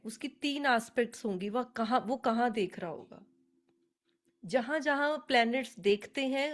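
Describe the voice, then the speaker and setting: A woman teaching astrology on a live webinar, chatty and earnest, speaking to attendees by name over a video call. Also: a little high.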